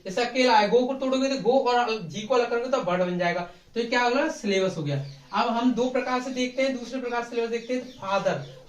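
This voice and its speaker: A male teacher giving a grammar lesson in Hindi, often asking a question and then answering it himself. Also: extremely high pitch. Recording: echoey classroom from far off.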